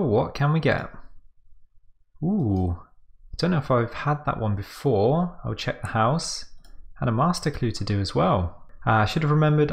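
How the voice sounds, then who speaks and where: An echoey, cave-like room surrounds this man's voice. He has a creaky, fry-edged tone at an ordinary male pitch. He talks through his gaming progress in a conversational, understated way, as a creator doing casual commentary. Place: sparsely furnished room at home.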